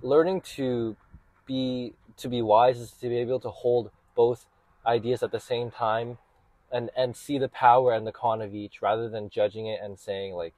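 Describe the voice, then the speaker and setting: A man's voice: mid-range voice, fairly even intonation, normal speed, darkish tone, no room sound. A young man co-hosting a casual chat, earnest and hedging, repeating words as he goes. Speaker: co-host. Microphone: phone.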